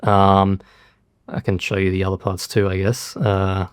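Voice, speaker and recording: Male producer, low-ish voice, dry sound, casual and self-deprecating tutorial delivery. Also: unhurried, smooth, no echo. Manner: relaxed, lots of fillers, self-deprecating. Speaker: music producer.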